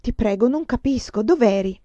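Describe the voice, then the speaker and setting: A woman's voice: on the high side, expressive, normal speed, mellow, no room sound, highs cut off. Woman reading as an anxious, pleading young wife. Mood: urgent. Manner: pleading, urgent.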